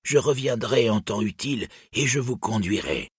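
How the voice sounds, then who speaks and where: A man's voice: lowish voice, animated, normal speed, husky, no echo, studio quality, pitched above the performer's own voice. Mîm, a man doing a frightened old dwarf. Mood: wary. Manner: pleading, speaks of himself by name. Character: old, poor, fearful male dwarf, pleading.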